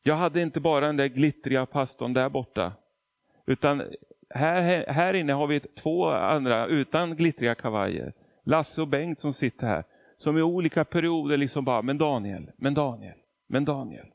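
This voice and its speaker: A man's voice: on the high side, vocal fry, dry recording, highs cut off. A man from Argentina preaching a testimony sermon, telling his story with emphasis and acting out quotes.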